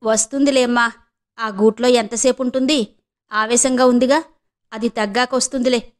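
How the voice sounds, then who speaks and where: A woman's voice: on the high side, steady tone, normal speed, natural voice. A woman voicing a middle-aged father who grumbles and complains about his wife. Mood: grumbling.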